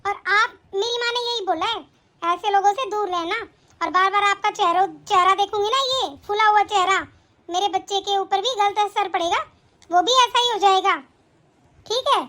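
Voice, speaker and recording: A woman's voice: very high voice, normal speed, pushed and bright. A woman voicing a sneering spoiled young wife. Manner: whiny, sneering. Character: pregnant young daughter-in-law, spoiled and mocking. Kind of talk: animated family drama voice acting.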